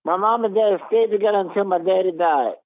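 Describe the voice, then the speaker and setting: A man in his fifties with a Southern US accent calls into a radio show over a phone line. His voice is high-pitched and fairly quick, and he argues insistently, repeating himself.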